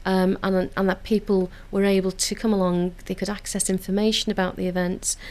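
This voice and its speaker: Her delivery is brisk, with a medium pitch that barely moves and a slightly mellow quality. She is a Liverpool council community engagement officer being interviewed in a radio studio about community work, earnest and enthusiastic and often restarting with fillers.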